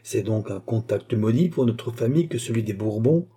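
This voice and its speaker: A man's voice: on the low side, lively intonation, normal speed, mellow, breathy edge. A man reading aloud voices an earnest young officer pleading with his sister.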